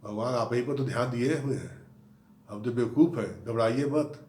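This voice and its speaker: A man voicing his sharp-tongued, quick-to-anger wife in a comedy sketch. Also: roomy sound, natural voice. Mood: sarcastic. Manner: sarcastic, shrill nagging.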